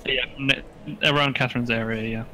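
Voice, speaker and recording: Halting man playing a tabletop game. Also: medium pitch, fairly even intonation, bright, forceful tone, slight background noise, rough recording. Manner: halting, full of fillers, chuckling. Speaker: player. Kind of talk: casual game chat.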